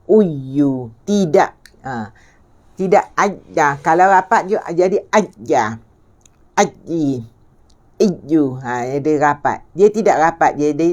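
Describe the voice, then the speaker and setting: A woman's voice: deep voice, a little mellow. A middle-aged Malaysian woman teaching Quran pronunciation, patiently repeating sounds and asking checking questions. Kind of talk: tajwid lesson on letter pronunciation.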